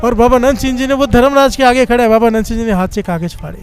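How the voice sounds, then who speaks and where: A man's voice: extremely high pitch, fairly even intonation, fast talker, soft background music. A male preacher giving a sermon, telling stories and repeatedly calling on the congregation to respond.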